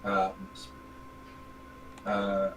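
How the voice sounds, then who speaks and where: A man's voice: fairly low pitch, completely flat delivery, extremely slow, fairly bright tone, a little hiss or hum, rough recording. A man running a tabletop game as game master, narrating scenes with many fillers and restarts.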